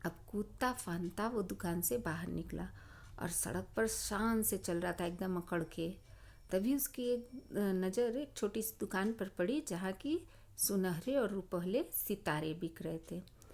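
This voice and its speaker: A middle-aged woman teacher explaining a children's story, expressive and asking her listeners questions. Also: medium pitch, unhurried.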